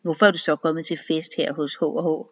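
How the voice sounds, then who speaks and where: A woman's voice: low voice, level tone, creaky, muffled recording. A woman doing a dismissive hissing partygoer.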